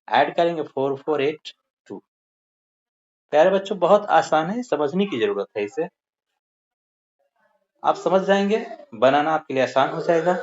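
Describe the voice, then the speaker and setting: A maths teacher giving a step-by-step lesson, counting through each sum aloud and addressing the pupils as dear children. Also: medium pitch. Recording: slightly muffled with faint hiss.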